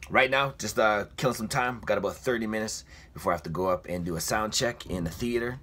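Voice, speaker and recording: A comedian in his thirties vlogs aboard a cruise ship, in his cabin and the theater, holding his phone at arm's length. His lowish voice moves at a quick pace as he jokes in a relaxed, self-mocking, chatty way, with slight background noise.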